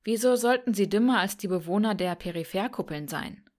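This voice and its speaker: A woman's voice: medium pitch, brisk, a little mellow, lightly acted. A woman voicing a wary, skeptical young woman who speaks bluntly.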